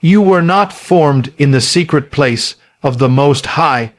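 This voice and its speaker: Higher-voiced man preaching an urgent motivational sermon. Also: slow. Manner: urgent, exhorting, short punchy phrases with repetition. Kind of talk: motivational sermon monologue, scripted.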